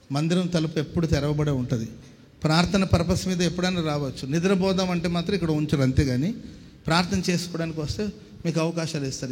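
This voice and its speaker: A male pastor preaching emphatically to a congregation, urging them to answer back and dropping English words into his sermon. His voice sits somewhat high and rings out with a long hall reverb.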